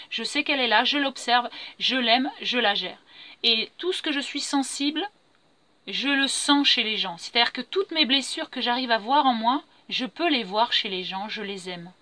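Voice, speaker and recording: Earnest middle-aged woman vlogging, bright higher voice, dry close sound, keeps repeating herself. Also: no room sound. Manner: earnest, repetitive, self-affirming. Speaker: vlogger sharing personal growth. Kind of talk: spontaneous spiritual monologue.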